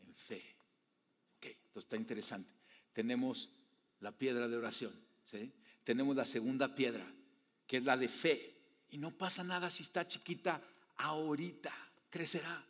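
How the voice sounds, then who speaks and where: A male pastor preaching a sermon, often putting rhetorical questions to the congregation and swinging between hushed low phrases and loud emphatic ones. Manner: asks the audience frequent rhetorical questions. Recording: long hall reverb.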